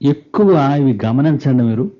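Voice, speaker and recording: A male pastor preaching a sermon. He often puts rhetorical questions to the congregation and reads scripture slowly and with weight. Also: mid-range voice, lively intonation, dark tone, lo-fi sound.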